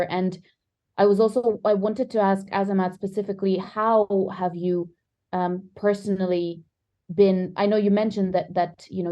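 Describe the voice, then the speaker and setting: A woman hosting a podcast speaks in a mellow, mid-pitched voice. She frames long, curious questions for her guests, often repeating a word as she goes. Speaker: podcast host. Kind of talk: interview questions.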